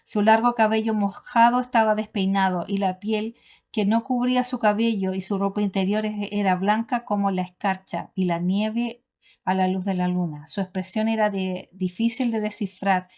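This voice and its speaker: A woman's voice: medium pitch, moderate pace. Woman narrating an audiobook. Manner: steady reading with frequent self-corrections. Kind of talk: reading a novel aloud.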